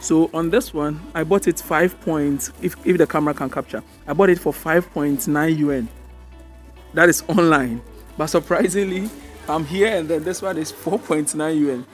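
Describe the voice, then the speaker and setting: A young man from Ghana, chatting casually to viewers in a vlog while walking through a large indoor supermarket with a handheld phone camera. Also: on the high side. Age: young adult. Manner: chatty, addresses viewers directly, frequent restarts. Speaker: vlogger. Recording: loud music behind voice.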